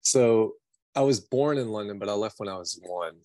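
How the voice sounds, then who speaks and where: A man from New York City, a singer-songwriter, gives a loose, slangy, self-deprecating interview that wanders as he talks. His voice is on the low side with a dark tone, at normal speed, and there's no room sound.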